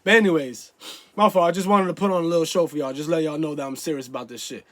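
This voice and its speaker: A man with a stuffy nose chatting casually to his viewers, rambling with lots of restarts and fillers, and breaking into loud, emphatic outbursts. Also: on the high side, fairly even intonation, quick pace, dry recording. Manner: bursts into loud emphatic yelling. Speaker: YouTube vlogger. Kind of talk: casual vlog chat to camera.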